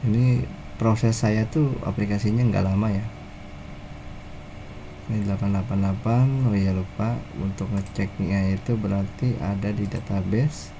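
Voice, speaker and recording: An Indonesian developer gives an informal tutorial on his own app, walking through it step by step in a casual, halting way. His voice is on the low side and steady in tone, with background noise in the recording.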